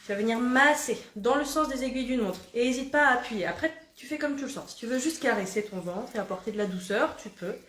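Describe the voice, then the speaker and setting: A woman coach guides a quick morning self-massage routine, chatty and playful and ready to laugh at herself. She puts on a southern French accent, and her voice sits a little high. The recording has an echoey room sound. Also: fairly bright tone, a little hiss or hum. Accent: put-on southern French. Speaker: body coach.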